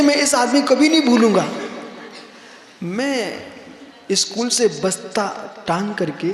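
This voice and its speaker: High-voiced man preaching in an echoey hall. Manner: storytelling, playful, teasing the audience. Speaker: Jain monk preacher. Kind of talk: sermon with anecdotes. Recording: echoey hall, roomy reverb.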